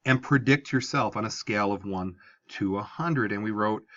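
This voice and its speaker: A man's voice: fairly low pitch, moderate pace, fairly bright tone, dull audio. A male teacher giving a conversational lecture to his class, explaining ideas step by step. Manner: explanatory, conversational, asks for an open mind.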